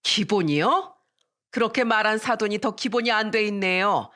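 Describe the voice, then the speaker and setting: A woman's voice: mid-range voice, expressive, moderate pace, pushed and bright. A woman voicing a combative middle-aged mother who scolds her daughter's mother-in-law. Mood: indignant. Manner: indignant and scolding.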